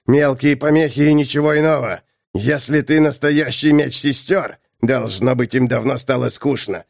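A man's voice: medium pitch, normal speed, creaky, no room sound, clean studio sound, lightly acted. A man reading an audiobook, voicing a scornful, sneering male necromancer with a mocking tone. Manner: mocking, contemptuous.

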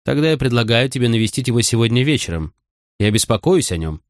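A man's voice: medium pitch, very animated, quick pace, dry recording, studio quality, natural voice. A man reading an audiobook, voicing a young queen who speaks urgently and confidingly. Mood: earnest. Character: young grieving queen, earnest and direct. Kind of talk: audiobook character voice.

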